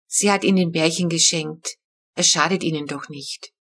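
A woman voicing a tired, practical mother in a storybook reading, weary and soft-spoken. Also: low voice, fairly even intonation, normal speed.

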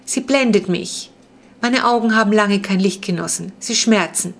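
A woman's voice: mid-range voice, moderate pace, vocal fry. A woman reading a storybook, voicing a polite half-vampire boy of noble blood who speaks in formal, courtly, old-fashioned phrases. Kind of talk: audiobook reading.

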